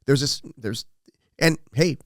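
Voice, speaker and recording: A man's voice: mid-range voice, takes it slowly, no room sound, clean studio sound. A man co-hosting a jiu-jitsu podcast, chatting casually and telling stories, a little sick with a cold. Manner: laid-back, storytelling, often restarts and laughs. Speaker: podcast co-host, jiu-jitsu gym owner and coach.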